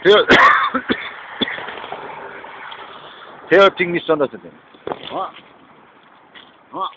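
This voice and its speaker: A man's voice: high-pitched, big pitch swings, very slow, gravelly. A man talking in a rambling, repetitive monologue, mixing Korean and English, recorded outdoors near a street. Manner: mixes Korean and English, repetitive, agitated asides. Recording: tinny phone-like audio with faint noise.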